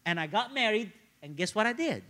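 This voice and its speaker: Raised in Cairo, this Egyptian man preaches a sermon woven with personal anecdotes, talking conversationally and driving points home through repetition. His voice is high and bright with wide pitch swings, sing-song and fairly quick.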